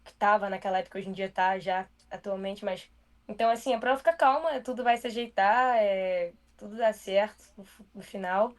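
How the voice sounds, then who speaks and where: A young woman with a Brazilian Portuguese accent, a journalist guest in a casual interview, who talks quickly and loosely with many fillers. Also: medium pitch.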